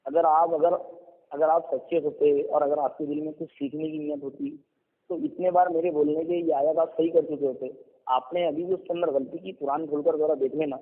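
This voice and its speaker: A man's voice: fairly high pitch, vocal fry. Scolding man over an echoey phone line. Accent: Indian Urdu. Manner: scolding, repetitive, fillers. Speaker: debater. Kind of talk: heated religious debate. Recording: tinny phone line with reverb.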